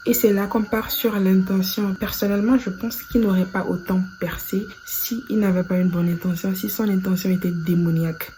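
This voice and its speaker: A woman from Africa speaks French with a Cameroonian accent in an easygoing, conversational commentary. Her voice is mellow and warm, with an even middle pitch, and she often lowers it to a near-whisper for an aside. A faint hum sits in the background. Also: low-quality recording. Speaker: video creator commenting on Quran reciters. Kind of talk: casual spoken commentary.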